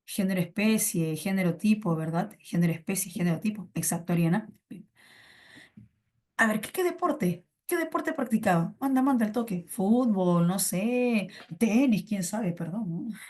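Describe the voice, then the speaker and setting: A woman's voice: mid-range voice, moderate pace. Playful woman teaching online class. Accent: Peruvian Spanish. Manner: playful, coaxing, repeats phrases warmly.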